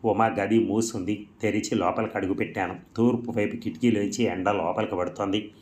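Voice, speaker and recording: A man reading a story aloud in a measured, reflective way. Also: on the low side. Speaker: narrator. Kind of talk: storybook narration.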